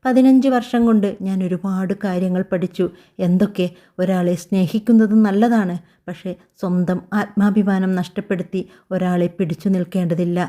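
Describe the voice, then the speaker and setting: A woman narrator puts on a quietly dignified mother from a spoken story, calm and measured. Her tone is deep-toned and mellow, never rising into anger. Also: lightly acted. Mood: firm calm. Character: composed middle-aged mother, quietly dignified.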